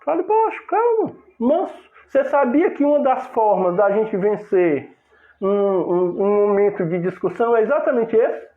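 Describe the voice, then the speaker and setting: High-voiced preacher, echoey and tinny. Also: male voice, normal speed. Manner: preachy, acts out couple's quarrels in quoted voices. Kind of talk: sermon. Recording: echoey room over a tinny phone-like line.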